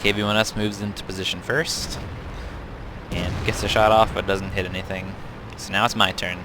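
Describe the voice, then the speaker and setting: Over background noise and loud tank game sounds, a young man with a low voice casually reviews replays of his own tank battles. His talk is chatty, self-correcting, and full of ums.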